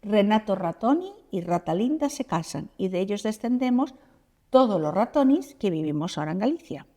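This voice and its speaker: A woman's voice: medium pitch, big pitch swings, moderate pace, warm tone. A woman voicing a chatty mouse who tells a storybook tale and teases the listeners with questions. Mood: playful. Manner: playful, teasing the listeners with questions. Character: chatty mouse storyteller, descendant of a prince's pet mouse. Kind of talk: storybook narration.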